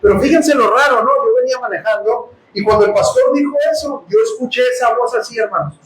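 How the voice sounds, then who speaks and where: A man with a Mexican accent preaching a sermon testimony, impassioned and often bursting into shouts as he addresses his brothers. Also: extremely high pitch, a little fast, reverberant, a little hiss or hum, poor audio. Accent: Mexican Spanish. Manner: impassioned, bursts into shouting, calls listeners "hermanos". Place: house of prayer.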